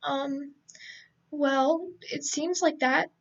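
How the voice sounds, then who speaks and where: A flustered, forgetful teenage girl speaks hesitantly and earnestly, as a woman reads her aloud. The voice is high and gravelly. It comes through a dull, lo-fi mic. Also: fairly even intonation, extremely slow, heavily acted.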